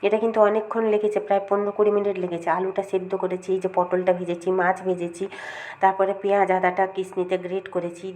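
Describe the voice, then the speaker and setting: A middle-aged woman chatting casually to her viewers at home, rambling about her day, with a cold and a slightly hoarse throat. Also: medium pitch, dark tone. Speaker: vlogger. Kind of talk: casual daily-life vlog chat.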